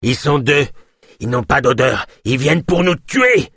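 Man doing a little raving man, shrill and frantic, husky edge, dry close sound, audiobook. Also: lively intonation, a little slow, a bit bright, no echo, full character voice. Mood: fearful. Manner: high, shrill, frantic outcries. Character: small strange man, frightened and raving. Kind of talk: audiobook narration.

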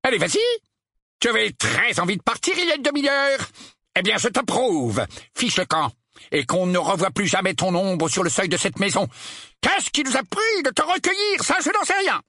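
Brief: a man playing a ranting middle-aged uncle, shrill bellowing pitch that leaps all over, husky edge, audiobook. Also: sing-song, moderate pace, sharp tone, no room sound, clean studio sound, full character voice. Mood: furious. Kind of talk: audiobook character voice.

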